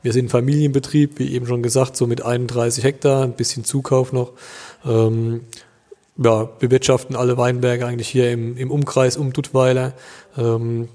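A man in his thirties from Germany, a winemaker answering interview questions in a relaxed, hesitant way with many fillers. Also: mid-range voice, moderate pace, big-room sound. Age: 30s.

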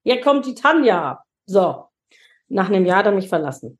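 A German woman in her forties, appearing as a podcast guest, candidly tells her own personal story with a medium-pitched voice at a moderate pace. She is open, expressive and emotional, restarting her sentences often.

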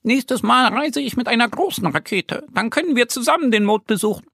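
A man voicing a tiny, gentle little man from the moon in a children's story, soft and high. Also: animated, a little fast, creaky, breathy edge, dry recording, studio quality, exaggerated voice.

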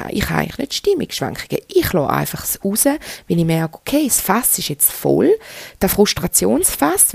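A woman's voice: mid-range voice, gravelly, darkish tone, dry recording. A woman in her thirties with a Swiss German accent, hosting a frank, chatty solo podcast and talking straight to her listeners. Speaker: podcast host. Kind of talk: candid solo podcast monologue.

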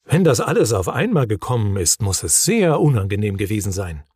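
Man doing a calm self-important troll father. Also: on the low side, breathy edge, no room sound, clean studio sound. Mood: wondering. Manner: measured, calm.

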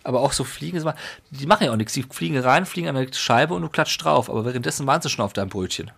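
Gravelly man sharing trivia. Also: medium pitch, lively intonation, rapid-fire, fairly bright tone. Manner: explains facts with playful emphasis, stumbles over words. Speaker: podcast co-host. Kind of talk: casual chat.

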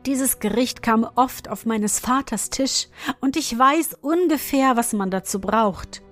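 A wise enchanted goose speaks calmly and knowingly, slow and a little high, as a woman reading the tale voices her. Faint music sits under the voice. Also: lightly acted. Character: wise enchanted female goose, calm helper.

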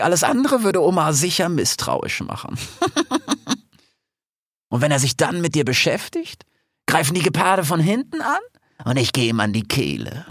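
A man's voice: mid-range voice, vocal fry, husky, no echo, studio quality, pitched above the performer's own voice, heavily acted. A man voicing a scheming female hyena rebel leader who cackles and gloats.

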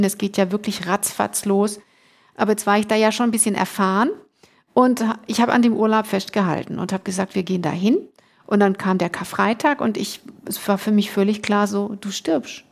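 A woman's voice: medium pitch, gravelly. A middle-aged woman, a podcast guest, earnestly telling a personal story in casual conversation, emotional and full of restarts.

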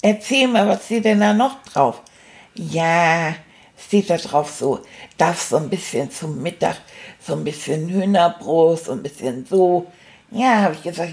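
A woman's voice: fairly low pitch, expressive, unhurried, darkish tone. A woman voicing a cheerful, cheeky male stuffed toy rat, retelling events in a chatty, rambling, fond way. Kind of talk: first-person storytelling.

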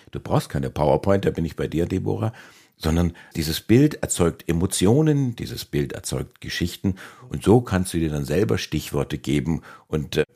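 A man's voice: low-pitched, darkish tone, husky. A man hosting a podcast interview, chatty and rambling, talking at length in a conversational way. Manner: chatty, rambling, self-aware about monologuing. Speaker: podcast host.

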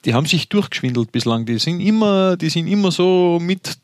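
A man with an Austrian accent chatting as a podcast co-host in a measured, candid way. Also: high-pitched, animated, a little mellow, dry recording, clean studio sound. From rural Austria. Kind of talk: casual sports podcast chat.

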